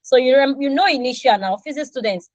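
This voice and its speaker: This online English teacher talks briskly in a high-pitched voice, playfully staging little dialogues with students in an animated way. She is a Nigerian woman in her thirties and a native Yoruba speaker. The audio is dull and has no room sound.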